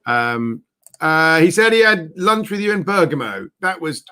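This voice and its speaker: A man's voice: on the high side, big pitch swings, unhurried, sharp tone, clean tone. A man hosting a casual interview over a video call, chatty and hesitant, full of fillers and restarts. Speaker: host.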